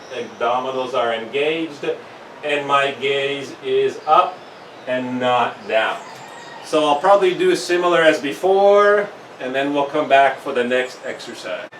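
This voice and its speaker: A male fitness instructor walks through a workout in slow, careful steps, a little winded between sets. His voice sits a bit high for a man. The sound comes from a camera mic some distance away in an echoey room. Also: a bit bright, slight background noise. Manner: slow, step-by-step explaining. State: slightly winded.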